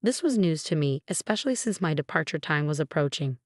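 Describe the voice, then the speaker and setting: A woman narrating a first-person story in a calm, even way, her voice set fairly low. The recording is dry and close, with no room sound. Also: a little fast, no echo.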